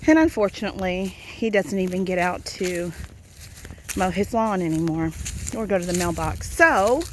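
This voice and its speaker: A woman's voice: medium pitch, a little hiss or hum. A woman casually vlogging outdoors in the countryside while walking and foraging, chatty and self-deprecating.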